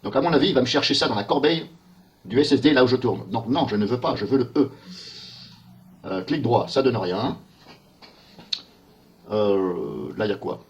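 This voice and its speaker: Puzzled man muttering through a software demo. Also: mid-range voice, normal speed, long pauses, lo-fi sound, a little hiss or hum. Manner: muttering, puzzled thinking aloud. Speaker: software tester. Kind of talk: screen-recorded software walkthrough.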